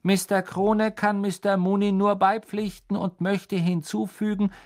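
Male reader as an insolent enchanted map, prim and taunting, pitched high. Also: flat delivery, measured pace. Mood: mocking. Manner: mock-polite, taunting. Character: mocking enchanted map, cheeky male pranksters' voice.

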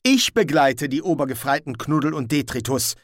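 A man voicing an earnest, calm young watch captain in an audiobook. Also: medium pitch, moderate pace, dry recording, clean studio sound, voice pushed up, natural voice.

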